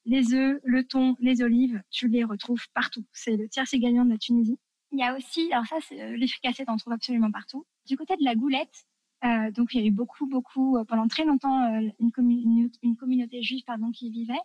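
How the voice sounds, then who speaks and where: A woman's voice: on the high side, fairly even intonation, a little fast, a little mellow, no room sound, dull audio. A woman from France chatting enthusiastically as a guest, full of fillers and asides as she recommends favorite dishes. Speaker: guest sharing food tips. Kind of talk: casual chat.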